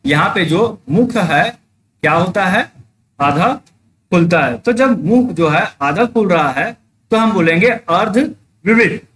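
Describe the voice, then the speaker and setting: A man's voice: high voice, expressive, slow pace, fairly bright tone, slight background noise. A man teaching a live exam-prep class online, explaining step by step, repeating key points and checking that students follow.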